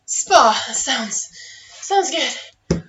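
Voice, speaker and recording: A woman voicing a dazed, wounded male demon in a tabletop game, halting, stammering and flustered. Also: high voice, lively intonation, noisy background, voice pushed up, exaggerated voice.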